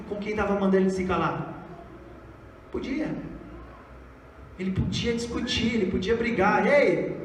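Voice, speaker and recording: High-voiced man preaching in echoey hall. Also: a little hiss or hum. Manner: dramatic, acts out voices of the story. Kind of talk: sermon. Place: church hall. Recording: echoey church hall from far off.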